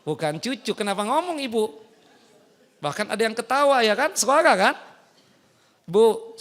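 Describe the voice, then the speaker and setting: Male preacher, higher voice, lively and teasing, keeps throwing questions at his listeners. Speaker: Islamic preacher. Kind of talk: sermon to women. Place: mosque.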